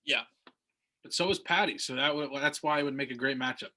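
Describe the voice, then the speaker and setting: A man with a medium-pitched, sharp-toned voice talks a little fast as co-host of a combat sports podcast. Chatting loosely about fights, he rambles, begins sentences again and uses plenty of fillers.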